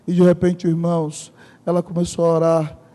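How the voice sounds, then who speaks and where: A man's voice: a little high, completely flat delivery, moderate pace, warm tone. A man preaching a sermon as pastor, telling stories emphatically and turning often to the congregation. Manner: emphatic storytelling, often addressing the congregation directly. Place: church sanctuary. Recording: long church hall reverb.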